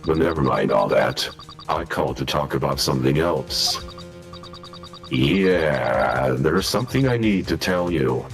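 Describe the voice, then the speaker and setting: A mocking mastermind on the phone, his voice sunk very low by a voice changer. He talks in a smug, unhurried, taunting way. Faint music runs behind him. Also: expressive, exaggerated voice. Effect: voice changer, pitched very deep. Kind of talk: fan dub of a video game.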